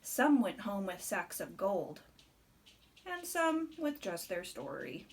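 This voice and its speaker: With a slightly rough, medium-pitched voice, a woman reads a rhyming picture book to a small child. She is expressive and unhurried, like a storyteller, and adds chatty remarks along the way.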